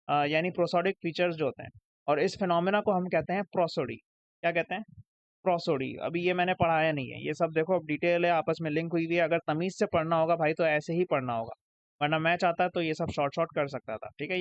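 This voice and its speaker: A young man with a Pakistani Urdu accent, teaching a recorded English lesson over slides. He explains step by step and checks "ठीक है?" after each point. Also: on the high side. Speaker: English tutor. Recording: dry, dull lo-fi sound.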